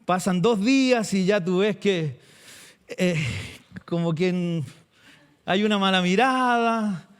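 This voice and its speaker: A male pastor preaching a sermon, asking the congregation questions and slowing down to stress key words. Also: high voice, clean tone.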